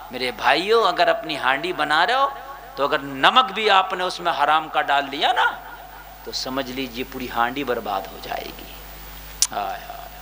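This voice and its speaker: A man preaching an emotional sermon, dropping to a hush and then shouting, with sighing cries in between. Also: a little high. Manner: swings from hushed to shouting, sighs and wails. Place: gathering with a live crowd.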